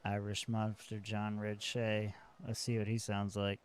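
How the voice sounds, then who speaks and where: A game streamer, a man, reading notes aloud and thinking out loud in casual commentary. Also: on the low side, completely flat delivery, a little slow.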